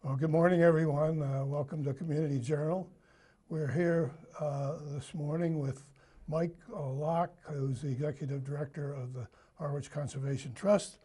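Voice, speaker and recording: A man's voice: on the high side, steady tone, normal speed, warm tone, slightly rough. A man hosting a casual local interview program.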